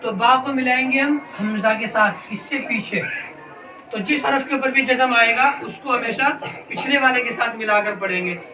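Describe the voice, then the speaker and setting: A man's voice: extremely high pitch, normal speed, over music. A man teaching children to read the Quran, asking questions over and over and drilling letter sounds. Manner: patient, repetitive questioning of pupils. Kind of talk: classroom lesson with call-and-response. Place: classroom with children. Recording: echoey room, distant mic, noisy. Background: children's voices and room noise.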